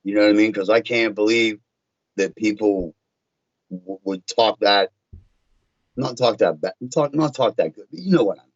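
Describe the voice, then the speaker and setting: A low-voiced man from Virginia tells stories in a halting way, stopping and restarting his sentences often. His voice comes through as flat, dull lo-fi audio. The recording is very dry. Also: no room sound. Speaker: guest, tint shop owner. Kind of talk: podcast interview.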